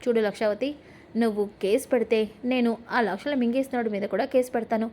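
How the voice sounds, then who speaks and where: A woman's voice: on the high side, fairly even intonation, brisk, dark tone, a little hiss or hum, lightly acted. A woman doing a blunt sarcastic young husband. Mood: defiant. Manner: sarcastic, defiant.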